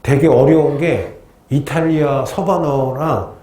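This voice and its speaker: A man's voice: on the high side, unhurried, dark tone. A male history teacher giving a casual classroom lecture, chatty and joking, with funny asides before he gets into the lesson. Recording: roomy echo.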